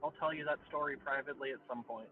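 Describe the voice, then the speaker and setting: A man's voice: medium pitch, steady tone, fast, narrow, tinny audio, faint music behind. A man chatting casually as an online game player, his voice cutting out and sounding like it comes from down a well. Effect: choppy, cutting-out voice chat that sounds like it comes from down a well. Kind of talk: casual voice chat.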